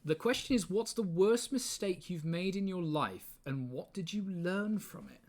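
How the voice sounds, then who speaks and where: A man's voice: sits high, lively intonation, moderate pace, a little mellow. A man in his twenties with an English accent, hosting a live stream in casual chat, rambling, swearing freely and laughing often. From England. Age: 20s.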